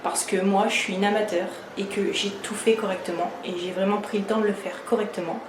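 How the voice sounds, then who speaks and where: She's a DIY vlogger fixing up her bathroom, speaking fairly quickly in a mid-range voice with fairly even intonation. The echoey room is noisy, and her casual talk to the camera vents annoyance amid many fillers and restarts.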